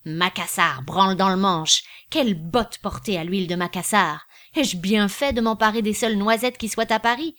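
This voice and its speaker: A woman's voice: medium pitch, normal speed, hardly any pauses, fairly bright tone, natural voice. Woman voicing a boastful exultant perfumer. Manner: grandiose, exclamatory. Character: exuberant middle-aged male perfumer, boastful.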